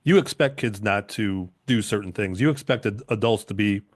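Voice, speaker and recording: A man's voice: fairly low pitch, moderate pace, dry recording, studio quality. A male podcast host who reflects on his guest's story and asks her to go on. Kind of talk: conversational interview.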